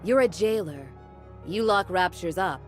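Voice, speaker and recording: A woman's voice: lowish voice, lively intonation, a little slow, faint music behind. A woman voicing a cocky, street-tough female soldier in an anime game, taunting and probing in a casual way. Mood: sly, goading.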